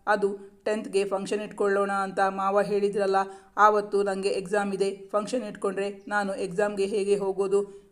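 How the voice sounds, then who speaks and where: A man's voice: sits high, completely flat delivery, moderate pace, lightly acted. A man reading the lines of an anxious young wife and student in a storybook romance, pleading and apologetic.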